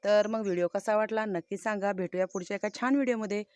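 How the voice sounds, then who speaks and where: A woman's voice: mid-range voice, steady tone, quick pace, darkish tone, no room sound, lo-fi sound. A woman vlogging casually outdoors on a farm, chatting homely and directly to her viewers. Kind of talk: casual farm vlog narration.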